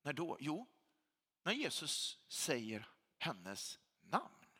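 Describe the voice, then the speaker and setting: Lively-voiced man preaching in a reverberant hall. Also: a little high, husky. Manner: emphatic preacher, repeats phrases for weight. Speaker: pastor. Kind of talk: sermon.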